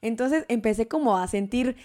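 A young woman, casually telling a story as a guest, animated and laughing often. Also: on the high side, moderate pace. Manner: animated, laughs often, acts out quoted voices.

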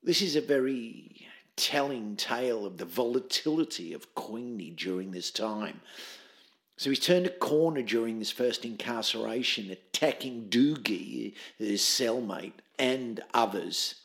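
A pompous, theatrical drama-club man, talking in a formal, grandly measured way in a mockumentary interview. His voice has a husky edge. It is pushed with a tense, forceful brightness. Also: medium pitch, expressive. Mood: grave.

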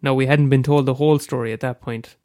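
Reading a short story of his own, a young Irish man with a head cold begins with a hesitant, casual introduction. His medium-pitched voice is warm, quick and fairly even in intonation, and the studio-quality recording is dry.

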